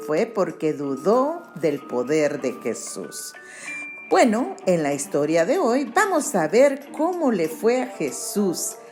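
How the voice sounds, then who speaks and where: A woman tells a Bible story to children at an unhurried pace. Her pitch rises and falls in a lively way, and she often stops to ask the kids questions. Soft music plays quietly behind her.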